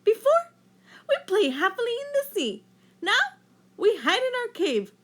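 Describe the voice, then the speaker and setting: A woman's voice: very high voice, very animated, measured pace, pitched above the performer's own voice, full character voice. A woman voicing an earnest, peacemaking male storybook fish with a pleading, emphatic way of talking. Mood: exasperated.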